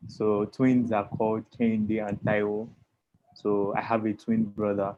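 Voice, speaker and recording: Slow, measured man on a muffled call. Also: fairly low pitch, level tone. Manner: measured, quiet, with soft laughs. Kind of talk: casual video call chat. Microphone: video call. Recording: dull lo-fi call audio.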